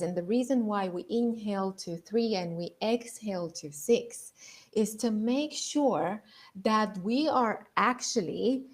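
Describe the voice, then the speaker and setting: A woman's voice: mid-range voice, darkish tone. A woman giving an instructional lesson as a voice and public-speaking coach, explaining with emphasis on key words.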